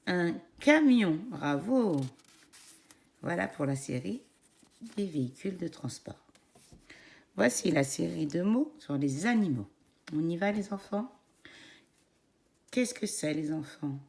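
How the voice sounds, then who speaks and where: A woman teacher with a French accent, giving a phonics lesson to young children in a slow, encouraging voice and spelling out each syllable. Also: lowish voice, lively intonation, vocal fry, darkish tone.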